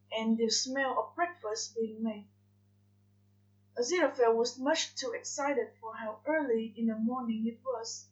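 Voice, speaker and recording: A woman reading fanfiction aloud in soft, measured narration. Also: on the high side. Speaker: fanfiction reader. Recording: dull lo-fi recording.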